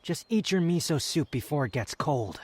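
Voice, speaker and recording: A man with a somewhat high, animated, slightly mellow voice speaks at normal speed as a haughty young wanderer in a scripted ASMR roleplay directed at the listener. The character is curt, scornful and defensive, flustered as he conceals his affection.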